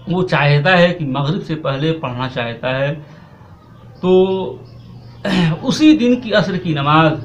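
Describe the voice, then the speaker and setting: A man's voice: on the high side, fairly bright tone. A man giving a step-by-step religious lesson on prayer rules, repeating points with fillers. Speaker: Islamic cleric teaching prayer rules. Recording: dull lo-fi sound.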